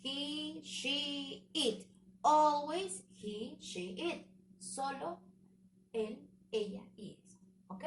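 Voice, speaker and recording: Woman, language teacher, slow deliberate pace, repeats examples, roomy echo, faint background hum. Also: sits high. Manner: slow, drawn-out, repeats words for students. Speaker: English teacher. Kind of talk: online grammar class. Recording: echoey room with faint ambience.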